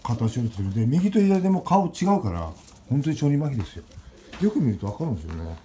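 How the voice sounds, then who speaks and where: Man with a lively voice coaxing a pigeon. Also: medium pitch, quick pace, a little hiss or hum. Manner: rough casual speech, coaxing and scolding the bird. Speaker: pigeon keeper. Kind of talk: casual talk to camera and to a pet bird.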